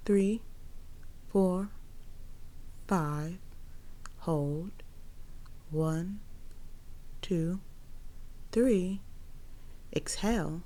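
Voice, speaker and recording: A woman counting out breaths for a guided breathing exercise, in a soft, measured voice with evenly spaced numbers. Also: fairly low pitch. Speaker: tarot channel host leading a breathing exercise.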